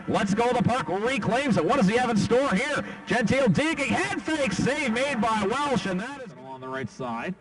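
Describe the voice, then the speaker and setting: A man calling hockey play-by-play in quick, punchy bursts. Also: very high-pitched, big pitch swings, far from the mic, poor audio. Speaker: play-by-play announcer.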